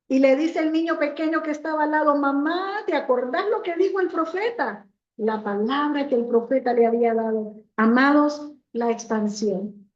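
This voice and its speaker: Woman pastor preaching, high voice, roomy church echo, kinda muffled. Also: a little mellow. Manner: storytelling preacher acting out voices in quotes. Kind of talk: sermon.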